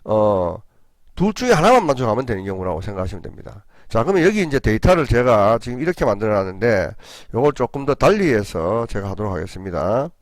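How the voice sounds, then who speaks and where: A man's voice: lowish voice, very animated, fast talker, no room sound. A man teaching a spreadsheet lesson step by step, patiently checking in with his listeners and correcting himself as he goes. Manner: patient, repeats "그죠?" for frequent check-ins; talks through each step, with small self-corrections. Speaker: computer skills instructor.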